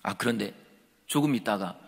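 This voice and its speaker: A man preaching a sermon as pastor, animated and conversational. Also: on the low side, moderate pace, breathy edge. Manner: animated, conversational preaching that acts out quoted speech. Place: church sanctuary. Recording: reverberant church hall.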